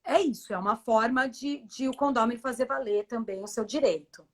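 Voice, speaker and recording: A Brazilian woman with a fairly high voice explains her approach in a live-streamed interview. She speaks firmly and persuasively, pressing her points with emphasis. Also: fairly quick, fairly bright tone. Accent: Brazilian Portuguese. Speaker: professional condo manager.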